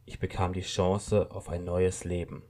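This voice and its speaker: A man's voice: sits low, completely flat delivery, measured pace, dark tone. A man voicing a stern, snippy woman of about thirty who holds the upper hand. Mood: firm, cool. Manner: snippy, firm, commanding. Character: stern red-haired woman around thirty, armed rebel.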